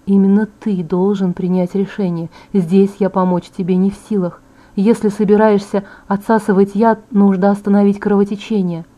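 A steady male doctor gives instructions calmly in a crisis, read by a woman. His tone is level and commanding, the voice mellow and warm. This is an audiobook read by a single reader. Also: medium pitch, normal speed, close to an everyday voice. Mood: grave. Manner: calm, giving instructions.

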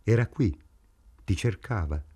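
A man's voice: lowish voice, lively intonation, unhurried, warm tone, slightly rough. A man reading as a sly, menacing lout. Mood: leering.

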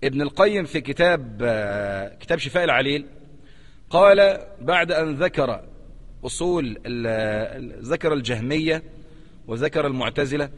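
A man's voice: mid-range voice, expressive, normal speed, big-room sound. A man with an Egyptian accent, a sheikh teaching a religious lesson and explaining a text, who talks emphatically, repeats key phrases and keeps urging listeners to pay attention. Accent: Egyptian Arabic.

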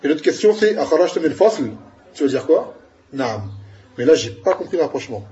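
A man's voice: on the high side, very animated, a little fast, warm tone, muffled recording. A man giving an Arabic grammar lesson, explaining patiently and asking his students questions. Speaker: Arabic teacher.

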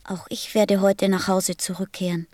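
A woman in an audio drama playing a gentle, serious little boy prince from another planet. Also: mid-range voice, little pitch movement, moderate pace, no echo, natural voice. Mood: solemn, tender.

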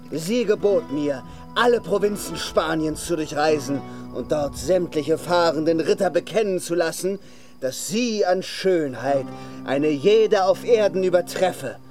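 Pompous lovesick knight, high voice, declamatory, mournful, boastful, radio play, light music behind. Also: male voice, a little mellow. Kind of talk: German radio play acting.

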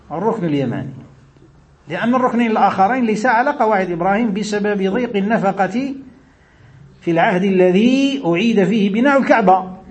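A man giving a religious lesson, explaining hadith in classical with colloquial asides and questions to his listeners. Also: high-pitched. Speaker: Islamic scholar teaching hadith.

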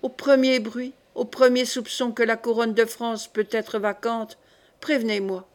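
A woman's voice: fairly high pitch, flat delivery, a little slow, close to an everyday voice. Pleading young prince, anguished, slightly raised voice, read by a woman. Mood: imploring. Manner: imploring, anguished. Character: young royal son, pleading, despairing man.

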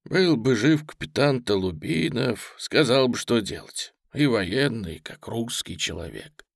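A grave, burly merchant, as a man reads him, speaking softly and slowly with earnest feeling. The recording is close and dry, with no room around it. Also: medium pitch, expressive, creaky, no echo. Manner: quiet, slow, heartfelt.

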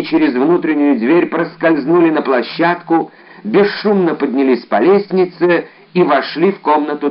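Expressive male audiobook narrator. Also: medium pitch, lo-fi sound. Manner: expressive, dramatic storytelling. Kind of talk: scripted narration.

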